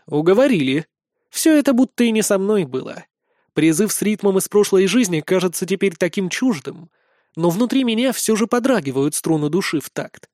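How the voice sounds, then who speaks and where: A man narrates a first-person fantasy audiobook in a high, lively voice that rises and falls expressively. He reads close to the mic, and the recording is dry, with no room sound. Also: no echo.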